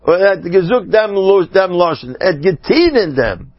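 A man lectures as a rabbi in a voice that sits a little high. His phrasing is halting and circles back on itself, then leaps into sharp, high exclamations. The recording is dull and lo-fi, with a dry, close sound. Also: big pitch swings, no room sound. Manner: emphatic, breaks into sudden high exclamations. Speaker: rabbi giving a talk. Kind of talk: religious lecture.

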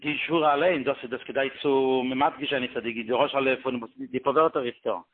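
A man giving a storytelling religious talk, retelling events in a quick run-on way and jumping up in pitch for the voices he quotes. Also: fairly even intonation, slightly rough. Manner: quick run-on phrasing with many Hebrew religious terms. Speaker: religious teacher. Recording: tinny phone-line or radio-band sound.

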